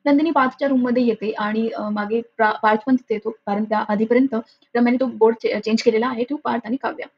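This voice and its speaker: A woman's voice: on the high side, steady tone, fast talker, husky. A woman casually retelling a TV serial episode, rambling with lots of filler sounds and restarts. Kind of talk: casual spoken episode recap. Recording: dull lo-fi audio with faint noise.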